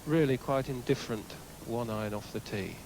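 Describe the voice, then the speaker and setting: A man's voice: medium pitch, brisk. A man giving live commentary on a golf tournament as a broadcast commentator. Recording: noisy outdoor sports broadcast.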